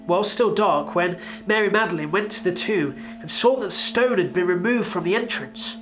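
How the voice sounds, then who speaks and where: A man's voice: high-pitched, moderate pace, music in the background, lightly acted. A man playing an apostle, narrating his memories in an earnest, reflective way. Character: older male apostle recalling his past. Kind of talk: dramatic narration.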